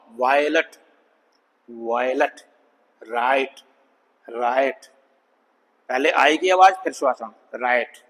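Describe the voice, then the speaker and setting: A man teaching an English phonics lesson, sounding out words slowly and repeating them for students. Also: on the high side, fairly bright tone, in a large hall, low-quality recording. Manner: slow, drawn-out demonstration of words, calls students "bhai".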